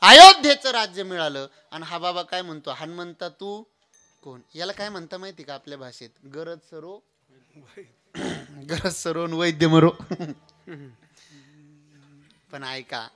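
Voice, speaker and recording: A young man preaching a devotional kirtan sermon, telling stories animatedly and swinging between hushed asides and loud sung lines. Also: fairly high pitch, slow pace, long pauses. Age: young adult.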